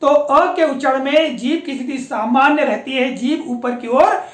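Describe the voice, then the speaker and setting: A woman teaching a patient, explanatory lesson, often pausing to check that her students follow along. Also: sits high. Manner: patient, explanatory, often repeats a confirming filler. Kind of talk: classroom-style lecture on pronunciation. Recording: echoey room.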